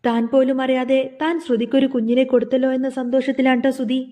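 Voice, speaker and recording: A woman's voice: high-pitched, little pitch movement, fast, mellow. A woman narrating an episode recap of a television serial in a storytelling tone. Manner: retelling in storytelling tone.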